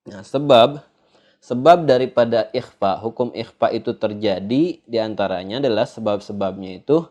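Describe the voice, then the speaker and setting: A man from Indonesia teaching a tajwid lesson in a studio, unhurried and pausing on fillers as he explains. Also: fairly low pitch, a little mellow. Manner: unhurried, hesitant with "eh" fillers, sings out drawn-out recited examples. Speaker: Quran recitation teacher. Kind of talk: slow tajwid lesson with recited examples.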